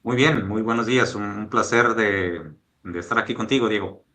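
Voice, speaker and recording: Guest voice: man from Mexico, fifties, low-pitched and bright, measured and reflective with plenty of fillers. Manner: measured, thoughtful, with frequent fillers and restarts. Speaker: guest, oil and gas executive. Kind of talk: relaxed interview conversation.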